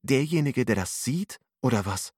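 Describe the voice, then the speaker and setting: A man's voice: mid-range voice, animated, moderate pace, darkish tone, husky, no room sound, clean studio sound, pitched above the performer's own voice. A man voicing an anxious, searching young man. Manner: anxious, searching questions, stammering. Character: young man, confused and frightened seeker. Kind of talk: audiobook narration.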